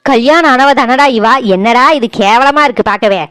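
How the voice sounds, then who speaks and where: A woman with a Tirunelveli Tamil accent voices a sharp-tongued, domineering older mother-in-law for a cartoon, quick to scold and swinging between accusation and self-pity. Her slightly high, smooth, clean voice stays close to an everyday tone at normal speed, indignant in mood. It is recorded dry and close with no room sound.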